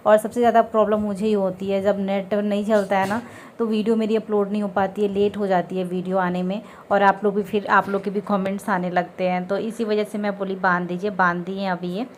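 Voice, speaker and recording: A woman's voice: mid-range voice, level tone, a little fast, rough recording. A woman with an Indian accent, chatting casually to viewers in a family vlog while feeling unwell, speaking from a car and later a rooftop. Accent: Indian Hindi. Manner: chatty, rambling, addresses viewers directly. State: unwell, low-energy. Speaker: family vlogger. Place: in a car, then on a rooftop outdoors. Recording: faint background noise.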